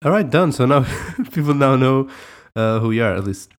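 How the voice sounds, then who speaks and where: A young Portuguese man with a Portuguese accent speaks at medium pitch and normal speed. He's co-hosting a casual podcast chat, relaxed and hesitant, laughing often.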